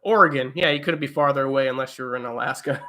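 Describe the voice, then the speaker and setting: A man's voice: mid-range voice, fast, pushed and bright. A young man hosting a casual livestream, reading viewer comments and rambling with lots of fillers and restarts from home. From eastern United States. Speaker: livestream host. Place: home, indoors.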